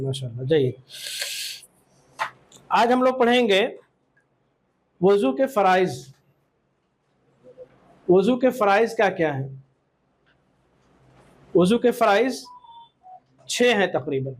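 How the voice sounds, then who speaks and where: A man teaching Islamic law to a class, quizzing the students and often checking that they agree, with English words mixed in. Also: sits high. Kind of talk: classroom lesson with questions to students.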